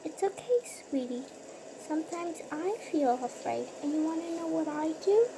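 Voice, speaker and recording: A young performer doing a gentle mother creature. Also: high voice, slow, noisy background. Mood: soothing. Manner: soothing, reassuring, reads scripture aloud. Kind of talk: toy-figure skit role-play.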